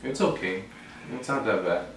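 This young adult man, who grew up bilingual in English and Spanish, brags and teases in a relaxed way during a food challenge. His voice sits on the low side with vocal fry, a slightly bright tone and moderate pace. Seated on a bed in a small bedroom, he's recorded by a camera a few feet off, so the sound is very echoey with faint noise.

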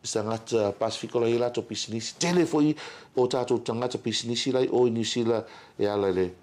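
A middle-aged man with a Samoan accent, talking casually as an interview guest, with frequent pauses and repeats. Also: medium pitch, a little mellow. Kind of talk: casual interview talk, mixing Samoan and English. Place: indoor interview set.

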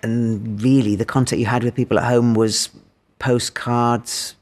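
A British-accented man in his fifties talking about himself in a relaxed, informal interview style. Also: medium pitch, unhurried, a little hiss or hum. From United Kingdom. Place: indoor room, seated.

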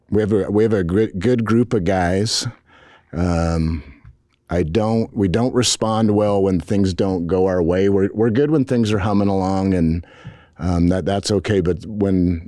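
A middle-aged head football coach with a very deep, mellow voice speaks at a post-game press conference, recorded dry and close through table mics in a press conference room. His manner is measured and frank but halting, with many restarts and fillers.

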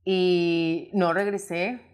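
A Mexican woman in her thirties talks as a guest on an interview show. She tells her stories with energy, slipping into quick acted-out quotes of the people in them. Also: fairly low pitch, smooth. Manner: lively anecdotes with acted-out quotes. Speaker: interview guest, singer and actress. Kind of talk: casual storytelling interview.

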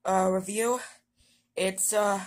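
Husky, halting woman vlogger in pain. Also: mid-range voice, steady tone. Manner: halting, stammering, many fillers. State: in burning pain from a hot pepper. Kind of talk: casual vlog.

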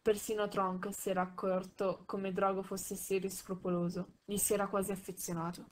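Una donna che legge un romanzo ad alta voce con tono misurato, correggendo ogni tanto qualche piccolo inciampo. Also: female voice, medium pitch, level tone. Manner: measured, with small slips and self-corrections. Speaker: audiobook reader. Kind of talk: reading a novel aloud.

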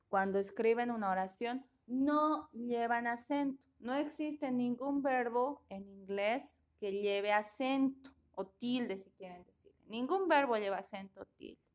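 Female English teacher, slightly high, unhurried, patient online-class delivery. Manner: slow, patient, checks in with students often.

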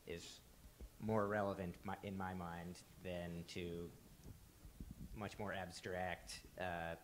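Low-voiced man asking a hesitant question. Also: slight background noise. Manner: hesitant, many fillers, trailing off. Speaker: audience member asking a question. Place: conference room. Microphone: handheld mic.

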